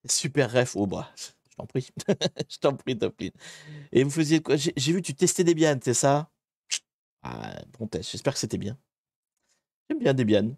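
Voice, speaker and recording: A man's voice: medium pitch, big pitch swings, a little slow, gravelly, pauses often, a little mellow, no room sound, clean studio sound. A man casually commenting on a live stream as he works through a hacking challenge, chatty and rambling, often correcting himself mid-sentence. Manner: chatty, rambling, self-interrupting. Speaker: livestreamer doing a hacking challenge.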